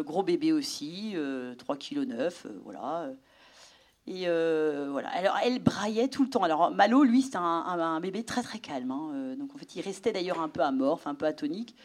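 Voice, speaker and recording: Femme d'âge mûr qui raconte son vécu devant un public, très vivante, chuchote parfois. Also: female voice, lowish voice. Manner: animated storytelling, drops to a whisper for inner thoughts. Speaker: speaker giving a testimony. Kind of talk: personal testimony to an audience.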